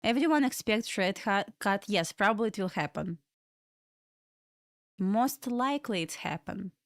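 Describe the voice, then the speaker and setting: In a home room in Florida, a young woman from Belarus runs a live trading stream, her Russian-accented mid-range voice animated and unhurried. She rambles chattily, taking chat questions in between market comments, with echo-free, studio-quality audio.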